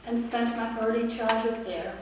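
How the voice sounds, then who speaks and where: A woman's voice: on the high side, steady tone, normal speed, background noise. Woman, 50s, candidate at a forum; earnest with dry humor; recorded from far off in an echoey room. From India and Pakistan. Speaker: political candidate. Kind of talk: campaign speech.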